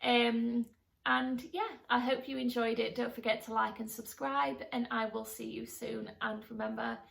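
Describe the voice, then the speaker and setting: A woman in her thirties vlogs in a casual, self-deprecating way, full of "um"s. Her voice sits on the higher side with a gravelly, creaky edge. She sounds a little back from the mic. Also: flat delivery, normal speed, fairly bright tone, far from the mic. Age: 30s. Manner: chatty and self-deprecating, many fillers. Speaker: vlogger. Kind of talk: casual chat to camera.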